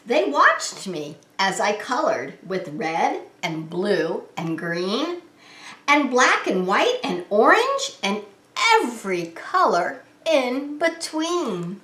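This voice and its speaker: Reading a picture book to young children at story time, a woman in the role of preschool teacher explains it in a simple, expressive way. Her voice is on the high side, very animated, slightly bright, and unhurried, heard in an echoing indoor room.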